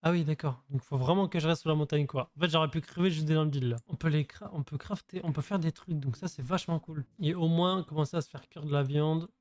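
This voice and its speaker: A man's voice: fairly high pitch, fast talker, few pauses, darkish tone, dry recording. A young man giving casual, slangy gameplay commentary, thinking aloud as he goes. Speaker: gaming video creator. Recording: voice over music.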